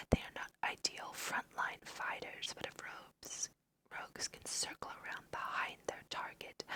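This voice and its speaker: Hosting a video game let's play, a woman whispers softly and unhurriedly in an ASMR style, guiding listeners through the game. She mixes read-aloud text with casual asides, and the audio is poor.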